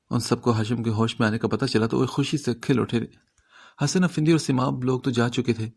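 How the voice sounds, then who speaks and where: A man reading a novel aloud as an audiobook narrator, with a steady storytelling delivery. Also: medium pitch, gravelly.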